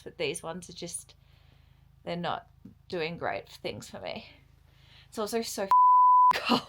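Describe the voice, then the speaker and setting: Young woman, casual travel vlog, chatty, laughing, very expressive pitch, phone recording. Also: slightly rough. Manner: chatty, bubbly, laughs often. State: out of breath from altitude. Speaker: travel vlogger. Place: outdoors on a mountain horse trek, then indoors.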